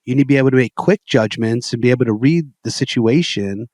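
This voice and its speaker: A man's voice: mid-range voice, fast, darkish tone, no echo. A man from New York co-hosting a podcast, talking casually about coaching men, often tagging "right?" and "you know". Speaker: podcast co-host, men's work coach. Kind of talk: casual conversation.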